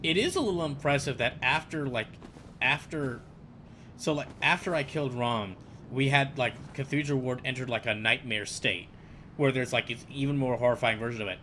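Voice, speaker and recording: A male streamer commenting live on a game, his voice at a middle pitch. He rambles, restarts sentences and piles up fillers as he plays. A steady hiss of noise sits under the recording. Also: moderate pace.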